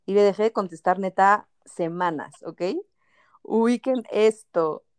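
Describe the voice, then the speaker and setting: A woman's voice: medium pitch, a little slow, clear, resonant tone, no echo. A young woman with a Mexican accent casually telling a personal story, full of fillers and English words. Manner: chatty, fillers like o sea and este, English words mixed in.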